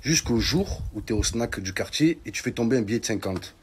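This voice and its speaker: An online comedian tells comic stories in casual street slang, exclamatory and mock-indignant. His medium-pitched voice is animated and fairly quick, over a clearly noisy background.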